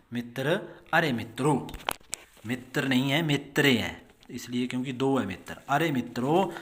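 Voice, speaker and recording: A male school teacher giving a recorded lesson, reading each line of a text and then explaining it slowly and patiently, with many repetitions. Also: mid-range voice, fairly bright tone. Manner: slow, patient, repeats each line in translation.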